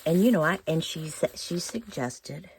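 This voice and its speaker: Hoarse, squeaky low-voiced woman crafting. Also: expressive, normal speed, slight background noise, poor audio. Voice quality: squeaky, cracking into whispery breaks. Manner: rambling, thinking aloud while working. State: hoarse, squeaky voice from a feverish illness. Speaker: craft vlogger. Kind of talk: casual chatty craft tutorial.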